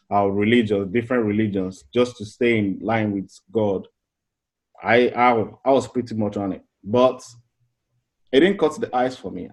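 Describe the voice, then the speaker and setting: In a medium-pitched, darkish voice, a middle-aged man leads an informal motivational class as a life coach. He is earnest and conversational, often restarting phrases and posing rhetorical questions.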